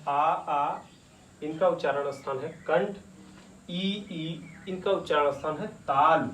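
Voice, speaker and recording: A man teaching at a very slow, careful pace, stretching out sounds and repeating them for his students. His voice sits a little high. He is recorded from some distance in an echoey room. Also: fairly bright tone. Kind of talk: slow classroom-style grammar lesson. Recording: echoey room, distant mic, faint noise.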